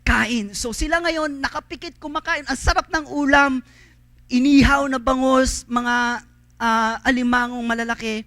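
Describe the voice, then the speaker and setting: A man preaching a sermon at a church service, mixing English phrases into his Tagalog, swinging between loud calls and soft storytelling. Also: very high-pitched, steady tone, measured pace, dry recording.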